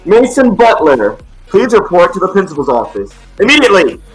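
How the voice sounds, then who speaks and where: A man's voice: high voice, sing-song, a little fast, soft background music, pitched above the performer's own voice, poor audio. A man playing a mock-official school office announcer, calling a student over the intercom in a formal announcement voice. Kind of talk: tabletop game, comic improvised bits.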